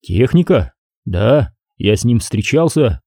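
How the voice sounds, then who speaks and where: A man's voice: medium pitch, big pitch swings, slow pace, creaky, dark tone, no room sound, studio quality, full character voice. A man reading an audiobook, voicing a nervous male researcher answering police questions defensively. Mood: anxious. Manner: anxious, defensive.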